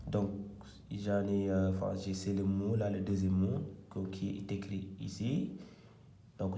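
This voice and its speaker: Halting, soft-spoken man teaching letters. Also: fairly low pitch, roomy sound. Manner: halting, self-correcting, repeats words; soft, drops to near-whisper while writing. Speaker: Quran and Arabic teacher. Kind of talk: hesitant whiteboard lesson.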